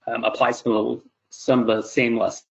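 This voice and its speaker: Speaking briskly in a level, creaky, husky medium-pitched voice, a CEO in his thirties informally explains things during a webinar presentation. The audio has a dull, lo-fi quality.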